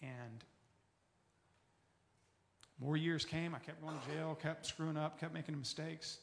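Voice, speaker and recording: A man in his forties giving an earnest personal recovery testimony, often dropping soft and low as he tells his story. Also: fairly even intonation, unhurried, gravelly, slight background noise.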